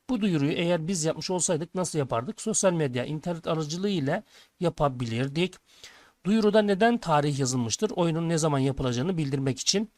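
A man's voice: fairly high pitch, no echo. A male teacher working through textbook exercises for sixth graders, reading each question aloud and answering it. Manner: addresses pupils as friends, reads questions aloud then answers. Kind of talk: textbook lesson walkthrough.

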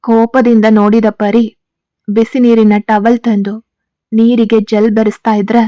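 A woman reads a serialized story in a steady, even way. Her voice is fairly high and mellow. The sound is dry and close. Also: unhurried, no echo.

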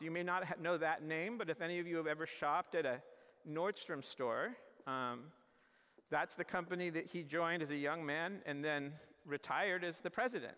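A man's voice: on the high side, bright, forceful tone. Earnest man speaking in a chapel hall. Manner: earnest, conversational, many restarts and fillers; gestures and moves about the stage. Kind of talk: chapel address. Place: large university chapel stage. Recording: long reverb of a large hall.

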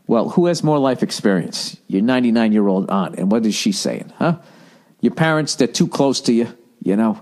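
A middle-aged American man hosts a podcast, reading listener letters in a casual advice rant full of swearing. Blunt and profane, he mocks people with put-on higher-pitched voices, his own voice a little mellow with lively intonation at normal speed.

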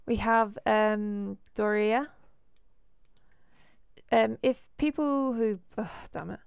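A let's play host commentates a life-sim game, rambling loosely and filling her talk with fillers. Her medium-pitched voice is slow and hoarse from a cold, with a gravelly edge beneath an otherwise smooth tone. The recording is dry and close, with no room sound around it.

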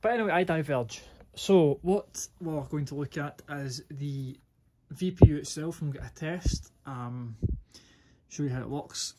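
A man's voice: on the high side, measured pace, noisy background. A man giving a casual hands-on product review in an informal, rambling way, often correcting himself. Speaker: gear reviewer.

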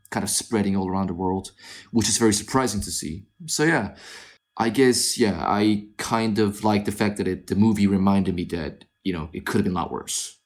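A man's voice: on the low side, darkish tone. A man from South Korea with a Korean accent, talking casually as a podcast guest, rambling with many fillers and trailing into mutters. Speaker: guest film critic.

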